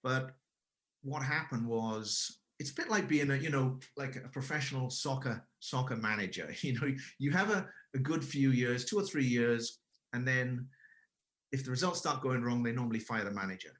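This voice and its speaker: He's a man in his forties from Wales, an English school owner appearing as a guest, and his voice is mid-range with a fairly bright tone at a normal speed. He relates his career story informally, full of restarts and self-corrections.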